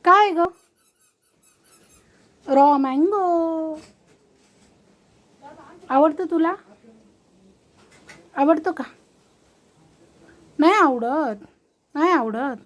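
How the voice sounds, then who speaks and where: Woman, very high voice, unhurried, Marathi accent, coaxing baby talk with a toddler, repeats short phrases. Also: animated, a bit bright. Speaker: parent talking to a toddler.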